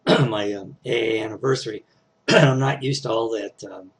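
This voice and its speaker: A middle-aged man speaks in a fairly low, slightly scratchy voice at a measured pace, teaching success skills in a relaxed, conversational talk. He frequently tacks on "right?" and "you know," and occasionally clears his throat.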